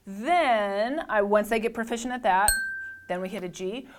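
A woman with a low alto voice teaching a lesson, explaining and then demonstrating sung sirens and notes. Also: normal speed. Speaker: music teacher. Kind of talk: instructional talk to camera.

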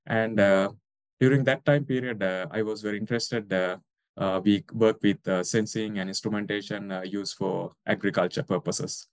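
A man's voice: on the low side, fairly even intonation, normal speed, clear, resonant tone, dry recording. A young man from Sri Lanka, a researcher answering interview questions with many hesitant fillers. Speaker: guest researcher.

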